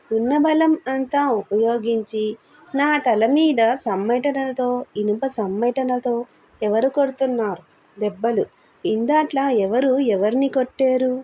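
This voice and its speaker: A woman's voice: a little high, mellow, slightly rough. A woman voicing a battered, terrified middle-aged man in delirium, speaking in broken, pleading fragments that repeat words. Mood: delirious.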